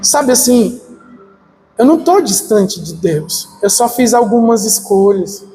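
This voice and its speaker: A man's voice: high voice, measured pace, soft background music. A middle-aged man from Northeast Brazil, a pastor telling personal stories in a sermon and acting out the dialogue. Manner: animated storytelling, acting out dialogue. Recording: church hall with long reverb, faint noise.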